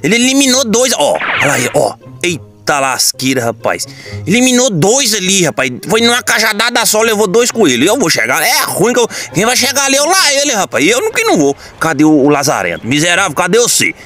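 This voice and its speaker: Excitable high-voiced man, twang. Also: a little fast, soft background music. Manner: excitable, exaggerated, folksy rural slang. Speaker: gaming comedy creator. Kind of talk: comedic gameplay commentary.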